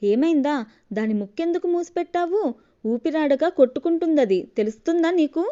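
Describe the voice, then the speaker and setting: A woman's voice: high-pitched, normal speed, mellow, natural voice. A woman storyteller voicing an exasperated young husband who scolds his wife in raised lines. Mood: scolding. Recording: dull lo-fi recording.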